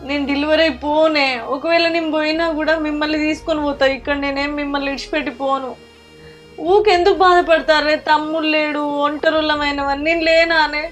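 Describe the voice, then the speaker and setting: A woman's voice: high voice, fairly even intonation, brisk, fairly bright tone, faint music behind. An actress playing a young pregnant daughter, soothing and reassuring her grieving parents.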